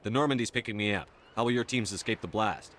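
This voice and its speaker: A man voicing a decisive, low-voiced commander. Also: quick pace, a bit bright, slight background noise, close to an everyday voice. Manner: direct, practical questioning. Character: human male military commander, decisive. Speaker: player character commander. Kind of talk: video game dialogue.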